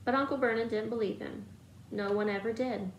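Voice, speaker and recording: A woman's voice: fairly high pitch, steady tone, brisk, roomy sound, a little hiss or hum, rough recording. A woman reading a novel aloud, telling the story steadily. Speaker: reader.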